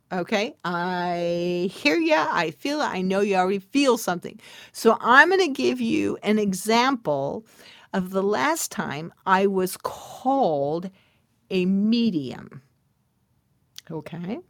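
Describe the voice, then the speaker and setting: A middle-aged woman hosts a podcast at a slow pace, her medium-pitched voice animated, fairly bright, and touched with vocal fry. The clean studio sound has no echo. She speaks casually and playfully to her listeners, with asides, laughs, and occasional whispers for emphasis.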